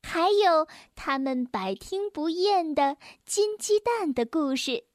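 A woman reading a children's story aloud in a gentle, clear, unhurried voice. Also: very high voice, lively intonation, no room sound, clean studio sound.

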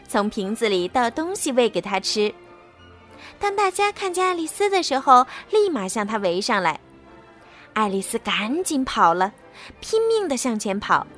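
Expressive, high-voiced woman telling a children's story. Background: soft background music.

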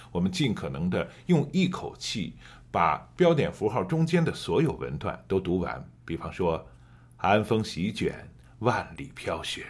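Man, narration coach, husky, animated pitch, patient explaining, slow emphatic demo reading. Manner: explains patiently, then reads with drawn-out emphasis. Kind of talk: teaching with read-aloud demonstrations.

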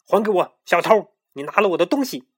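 一个男人扮演一位愤怒、严厉的埃及法老幽灵，说话大声而威严。. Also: male voice, mid-range voice, animated, moderate pace, natural voice. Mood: stern, angry. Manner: loud, stern, commanding. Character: angry ghostly male Egyptian pharaoh, stern.

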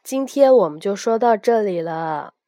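A woman reading a bedtime story to children, gentle and expressive, close to the mic. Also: mid-range voice, moderate pace, no room sound.

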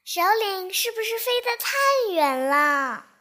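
A woman voicing a small playful kitten in a children's story, calling out in a high, drawn-out, childlike way. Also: expressive, sharp tone, exaggerated voice. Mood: whiny.

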